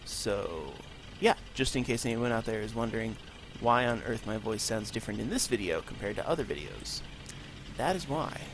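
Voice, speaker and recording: In a lowish, animated voice with vocal fry and a normal pace, a gaming channel host chats casually over a let's play, rambling and mocking himself. He's slightly congested from allergies, speaking from a room with no acoustic paneling over a noisy background.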